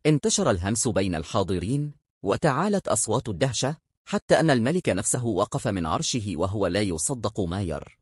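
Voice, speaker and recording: Male narrator for a folk tale; husky, expressive, lively pitch, dry close recording. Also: fast talker, dry recording. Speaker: storyteller. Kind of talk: scripted story narration.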